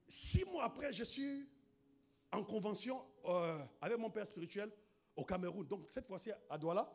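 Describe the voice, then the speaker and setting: A man delivers a sermon in a high-pitched voice, dropping to a near-hush as he tells a story, then rising to shouted proclamations. He keeps calling out to the congregation. Soft music plays faintly behind him. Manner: swings between hushed storytelling and shouted proclamation; punctuates with exclamations to the congregation. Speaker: pastor.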